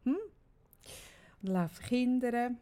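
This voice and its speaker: A woman's voice: on the high side, a little slow, smooth. A woman in her forties with a Swiss German accent, telling a story in casual chat and tagging her lines with "oder?". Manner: animated storyteller, often tags lines with "oder?". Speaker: podcast co-host telling a story.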